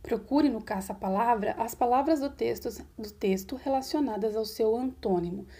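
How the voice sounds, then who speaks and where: A woman's voice: fairly high pitch, moderate pace, mellow. A woman from Brazil, a primary school teacher, patiently explaining a recorded lesson to children step by step.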